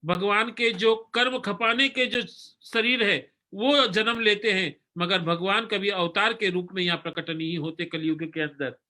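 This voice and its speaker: A man giving a religious sermon, then slowly reciting a devotional hymn line by line for listeners to repeat. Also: sits high, sharp tone. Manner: earnest, instructive, leads the chant slowly line by line. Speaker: spiritual teacher. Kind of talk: sermon and slow stotra recitation.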